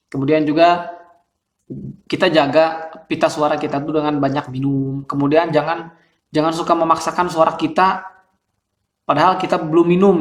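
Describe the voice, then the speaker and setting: Man, thin reedy voice, slightly high, roomy echo. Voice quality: describes his voice as thin and reedy. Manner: chatty, laughs often, many fillers. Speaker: host. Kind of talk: casual explanatory talk.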